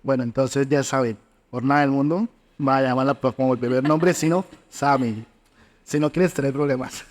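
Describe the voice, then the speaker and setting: A man's voice: mid-range voice, fairly even intonation, moderate pace. A man, co-hosting a podcast, teasing the guest and laughing a lot. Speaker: podcast co-host. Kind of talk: casual interview chat.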